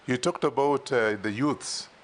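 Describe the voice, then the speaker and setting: A Kenyan man on a parliamentary panel addresses the nominee directly and emphatically, doubling words to drive a point home. His voice rests at a plain middle pitch. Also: a little slow. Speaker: member of parliament on a vetting panel. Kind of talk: formal questioning in a parliamentary hearing.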